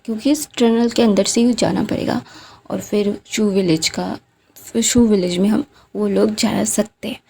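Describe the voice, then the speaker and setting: Woman with a gravelly, mellow storytelling voice. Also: medium pitch, a little hiss or hum. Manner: chatty, loose, lots of fillers, drops to a near-whisper for tense parts. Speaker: storyteller retelling a fan story. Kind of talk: casual story retelling.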